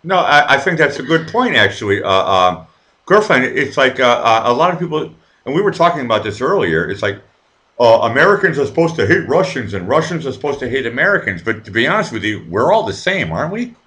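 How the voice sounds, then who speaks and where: Male live show host, middle-aged, lively intonation, casual joking banter, stammering restarts. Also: medium pitch, fairly quick. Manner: joking, rambling, repetitive stammering starts. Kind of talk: casual chat.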